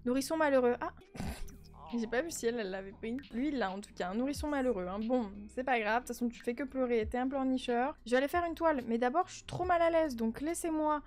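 A woman's voice: sits high, fast talker, darkish tone, faint music behind. A woman commenting her life-simulation game in a chatty, joking, often exasperated way. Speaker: gaming YouTuber. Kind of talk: Let's Play commentary.

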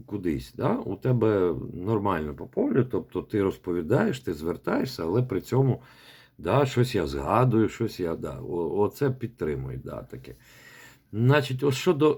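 A man's voice: mid-range voice, vocal fry, a little mellow, slightly rough. A man coaching a student's recitation in a rambling voice message, repeating words as he demonstrates. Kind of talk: spoken feedback voice message.

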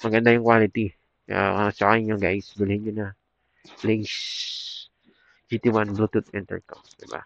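Low-ish and creaky, his voice shows little pitch movement at a moderate pace, and the recording is dry. The man, a motorcycle vlogger with a Filipino accent, casually reviews a product mid-ride outdoors, using a Bluetooth helmet headset mic that comes across muffled with road noise.

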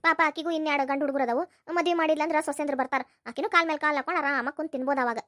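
Woman doing a bossy old north karnataka granny, high squeaky voice, talks fast and blunt, dry close sound. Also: fairly even intonation, fairly bright tone, no echo. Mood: scolding. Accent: North Karnataka Kannada. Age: older. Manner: scolding, commanding, blunt. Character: stern, outspoken old grandmother. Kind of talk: cartoon voice acting.

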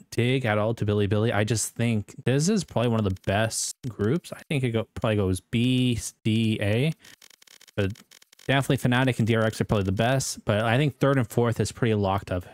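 A man's voice: mid-range voice, a little fast, darkish tone. A young American man with a rambling, self-correcting way of talking, giving casual esports predictions as a video host.

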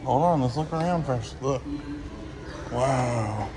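A man's voice: medium pitch, slow pace, noisy background. A man filming a family outing, talking easily and pointing things out to his kids. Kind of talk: casual family vlog. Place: lighthouse museum, indoors and outdoors.

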